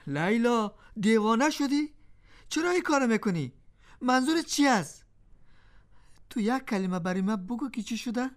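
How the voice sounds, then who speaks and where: A woman's voice: on the high side, expressive, long pauses. A woman voicing a flustered accused husband. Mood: exasperated. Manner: exasperated, pleading.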